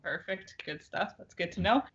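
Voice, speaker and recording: A woman's voice: fairly low pitch, moderate pace, lo-fi sound. A woman hosting a casual interview over a video call, friendly and encouraging with short questions. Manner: friendly, encouraging, brief responses. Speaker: interviewer, host. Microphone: video call from home.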